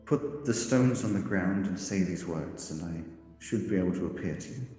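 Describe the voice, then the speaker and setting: A man voicing a mysterious otherworldly female being through an echoey voice changer, speaking slowly and solemnly. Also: deep voice, expressive, mellow, faint music behind. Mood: cryptic. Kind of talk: game master voicing a character in a tabletop game.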